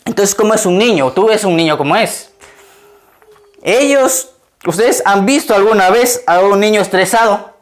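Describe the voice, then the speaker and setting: A pastor delivers a sermon in a relaxed, conversational way. He keeps turning to his listeners with questions and laughs often at his own stories. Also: sits high, moderate pace. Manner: conversational, asks the congregation questions.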